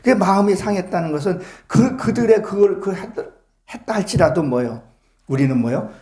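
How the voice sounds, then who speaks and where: A man's voice: high-pitched, expressive, moderate pace, mellow, roomy sound. A male pastor preaching a sermon to his congregation, fervent and full of rhetorical questions. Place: church sanctuary with congregation.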